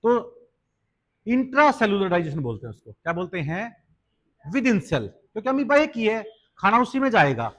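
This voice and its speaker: A man's voice: high voice, sing-song, moderate pace, a bit bright, muffled recording. A man teaching biology for an entrance exam, asking questions and answering them himself, addressing students as "beta", with science in pronunciation. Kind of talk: exam-prep lecture.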